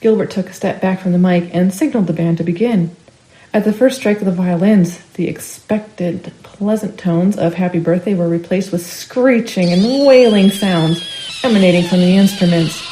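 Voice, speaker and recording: A woman storyteller reading a family ghost story aloud, expressive and rising with the action. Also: on the low side, moderate pace, roomy sound, poor audio. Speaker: storyteller for a library. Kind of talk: scripted ghost story narration.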